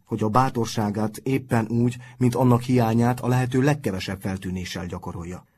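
A man's voice: fairly low pitch, a little mellow, slight background noise, close to an everyday voice. A man voicing a wry boarding-school teacher giving a firm speech to his pupils in a storybook reading. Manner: addressing a group, firm.

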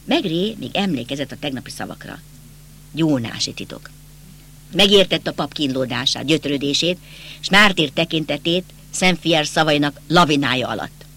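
A man's voice: a little high, expressive, pushed and bright. A man reading a detective novel aloud as an audiobook narrator, telling it expressively. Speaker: audiobook reader.

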